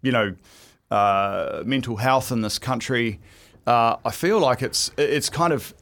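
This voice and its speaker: A man's voice: medium pitch, measured pace, a bit bright. A middle-aged man chatting casually as an interview guest, in a stop-start, self-deprecating way. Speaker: guest, event ring announcer. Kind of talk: casual radio interview chat.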